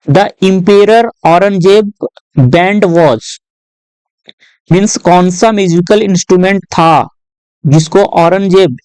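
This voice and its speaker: A man's voice: sits high, a little mellow, clear, resonant tone, no echo, rough recording. Male tutor, dry close sound. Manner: explains step by step with frequent tag questions; reads English questions aloud slowly. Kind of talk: exam-prep lesson walkthrough.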